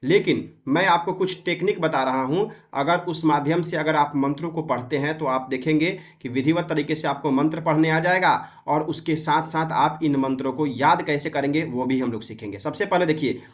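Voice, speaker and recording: High-voiced man teaching Vedic chant. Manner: explains patiently, then chants syllables slowly and drawn out. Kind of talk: recitation lesson.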